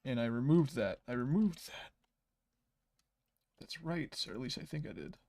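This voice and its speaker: A man hosting a casual livestream, rambling while he edits and often trailing off into soft mutters. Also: medium pitch, animated, normal speed, creaky. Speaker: livestream host.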